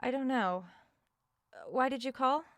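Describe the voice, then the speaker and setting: A woman with a high voice plays a weary, uneasy author alone in a haunted house for a horror audio drama. She speaks naturally at a measured pace, guarded and hesitant, and the studio recording is clean with no echo.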